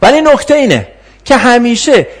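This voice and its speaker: A man lecturing in a classroom on philosophy of science, explaining with rhetorical questions and filler pauses. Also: very high voice, sing-song.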